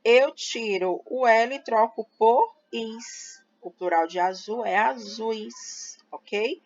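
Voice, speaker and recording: A woman teacher, explaining a grammar lesson slowly and patiently, spelling out syllables for her students. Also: fairly high pitch. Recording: slightly dull lo-fi audio.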